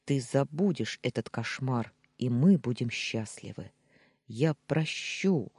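Young man pleading read by a narrator; husky, slow, animated delivery, dry booth. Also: medium pitch, no room sound. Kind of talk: audiobook character reading.

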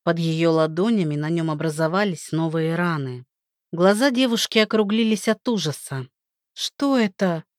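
A woman's voice: lowish voice, normal speed, no echo, clean studio sound. Woman reading a fantasy tale. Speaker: narrator. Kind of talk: reading a fantasy story aloud.

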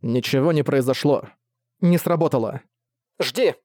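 A man narrating a first-person novel as an audiobook reader, steady and even. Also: medium pitch, fairly quick, dry recording, studio quality.

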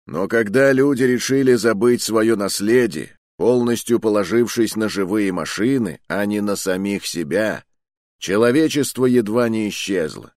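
A man's voice: fairly low pitch, a little mellow, no room sound, studio quality, close to an everyday voice. A man voicing a thundering adult male mentor who gives a grand, declamatory speech to young trainees in an audiobook.

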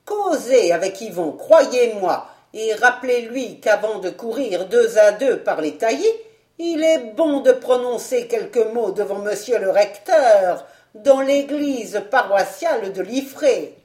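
A woman's voice: a little high, animated, takes it slowly, echoey room. A woman voicing a sarcastic old peasant woman. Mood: sardonic. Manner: ironic, sharp.

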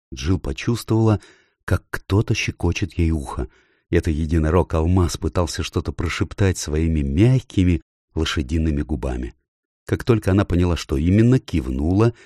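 A man with a deep voice reads a children's story aloud. His pitch moves a lot as he tells it, and the recording is close and dry. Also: no echo. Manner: expressive storytelling. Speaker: audiobook narrator. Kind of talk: scripted narration.

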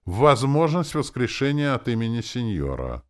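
A man's voice: mid-range voice, sing-song, moderate pace, pitched above the performer's own voice, lightly acted. A man reading as a formal game system announcer. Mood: announcing. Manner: formal announcing, listing stats. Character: official game system interface message. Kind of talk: audiobook character voice.

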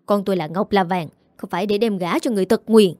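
Woman voicing older mother, furious, domineering, shrill, fast tirades, storybook. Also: very animated, mellow, dry recording, studio quality. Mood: furious scolding. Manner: shrill scolding, rapid tirades.

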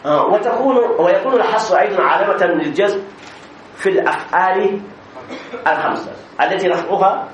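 High-voiced man teaching grammar, echoey room. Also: brisk, a little hiss or hum. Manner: explains step by step, checks students understand. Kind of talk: classroom grammar lesson.

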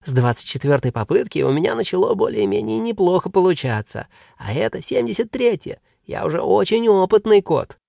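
A playful, easygoing demon who lives as a cat, with a lifted, gravelly voice that bounces along, as a man puts him on. He talks breezily and reassuringly, like a storybook trickster. It is recorded close and dry. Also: fairly high pitch, expressive, brisk, mellow, no echo, pitched above the performer's own voice. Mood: cheerful.

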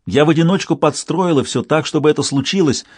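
A man voicing a cold, scheming woman leader in a calm reading. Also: fairly high pitch, fast talker, slightly rough, no echo, studio quality, pitched above the performer's own voice. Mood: smug.

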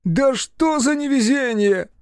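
A sulky, hot-headed young baron, voiced by a male reader, loud and raised in pitch, bursting out in indignant complaints. The recording is close and dry. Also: sing-song, a little slow, no echo.

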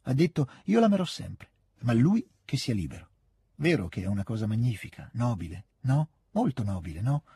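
A man voicing an excitable, earnest fifteen-year-old girl in an audiobook reading, with lively, insistent outbursts. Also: medium pitch, normal speed, husky, no room sound, exaggerated voice.

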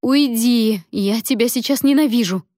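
A woman's voice: fairly high pitch, normal speed, mellow, dry recording, studio quality, voice pushed up, close to an everyday voice. A woman reading an audiobook voices a young woman in labor who cries out in pain and snaps at her husband. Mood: pained, frantic. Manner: strained, crying out, snapping.

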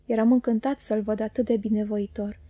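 Woman audiobook narrator, measured storytelling, slightly high voice, dark mellow tone, dry close sound. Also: steady tone, no room sound, highs cut off. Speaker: audiobook reader. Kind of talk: narrating a classic novel.

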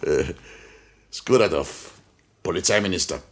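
In a 1950s radio drama, a man plays a sly police minister questioning a prisoner, his low, expressive voice swooping around. He is oily and mockingly courteous, drawing out ironic insinuations punctuated by little chuckles.

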